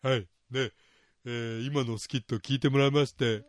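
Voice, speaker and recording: Man hosting, Niigata accent, mid pitch, dry sound, chatty and halting. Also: steady tone, no echo. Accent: Niigata dialect. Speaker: host. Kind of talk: radio lesson chat.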